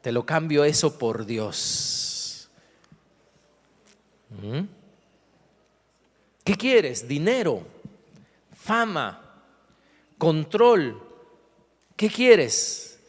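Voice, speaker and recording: A man voicing a sly male tempter who bargains in low, hushed, coaxing offers. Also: sing-song, very slow, long pauses, heavily acted. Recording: long hall reverb.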